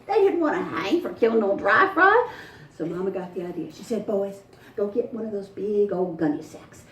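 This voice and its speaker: A woman storyteller, telling a folktale to a live audience in a folksy, dramatic way. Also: medium pitch. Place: front porch event. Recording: echoey, distant mic, faint ambience.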